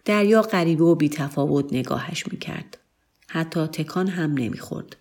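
A woman with a low voice reads a literary story aloud. Her delivery is calm and measured, and the phrases move slowly. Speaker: narrator.

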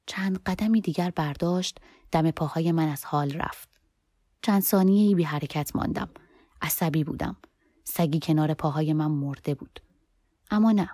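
A woman reads a first-person novel aloud in a soft, expressive manner. Her voice is fairly low and warm, with a mellow tone. The recording is dry and close, with no room echo. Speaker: audiobook narrator.

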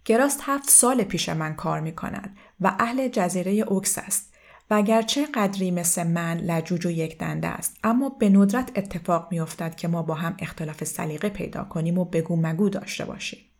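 A woman reading aloud and voicing a distraught, confused woman in her thirties who talks in an anxious, pleading way. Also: lightly acted. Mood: agitated. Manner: pleading, agitated, raised pitch.

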